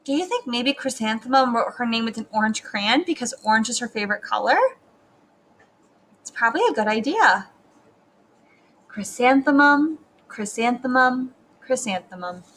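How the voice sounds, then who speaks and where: A young woman reading a story aloud to children, stopping to ask them gentle questions. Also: on the high side, fairly quick. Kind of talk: read-aloud lesson for children.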